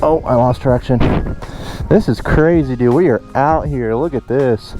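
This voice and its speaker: A man's voice: medium pitch, measured pace, over music, rough recording. A young man giving casual, slangy, exclaiming commentary while jostled on a bumpy off-road motorbike ride outdoors, talking with some effort. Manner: excitable, exclaiming, slangy bro talk. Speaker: vlogger riding a dirt bike. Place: outdoors on a moving motorbike on woodland trails.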